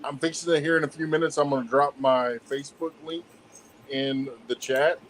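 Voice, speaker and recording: A man in a casual online group chat, brisk and friendly as he organizes the room. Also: a little high, fairly even intonation, slight background noise, poor audio. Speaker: chat participant.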